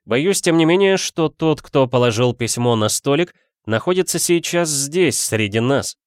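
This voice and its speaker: A man's voice: medium pitch, lively intonation, moderate pace, smooth, dry recording, clean studio sound, pitched above the performer's own voice, lightly acted. A man voicing a confident male detective who speaks curt and thoughtful.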